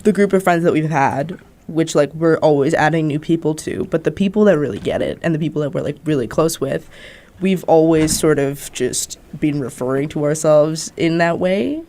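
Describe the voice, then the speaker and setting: Gravelly-voiced woman, laid-back guest. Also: low-pitched, normal speed, mellow. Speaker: rapper, podcast guest. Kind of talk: casual chat.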